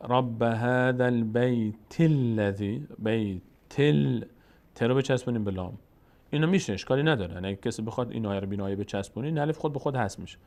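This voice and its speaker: A man with a Tajik-influenced Persian accent teaching Quran recitation, explaining the rules and slowly drawing out each Arabic word as he demonstrates it. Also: medium pitch, darkish tone. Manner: slow, drawn-out demonstration of Arabic words between explanations. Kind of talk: recitation lesson.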